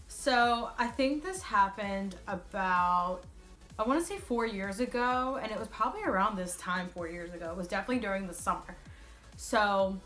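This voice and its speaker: Bright-voiced young woman telling a casual storytime. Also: medium pitch. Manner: animated retelling with quoted dialogue. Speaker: vlogger.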